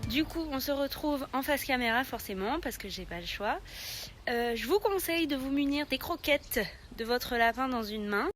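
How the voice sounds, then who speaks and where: A woman's voice: high voice, lively intonation, normal speed, over music. A young woman making a casual vlog tutorial, chatting with lots of hesitant fillers. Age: young adult. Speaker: pet vlogger.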